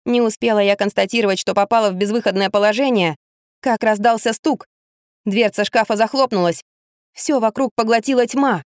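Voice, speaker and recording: A woman reading a first-person story aloud in an expressive, lively storytelling manner. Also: fairly high pitch, brisk, dry recording, clean studio sound. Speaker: narrator.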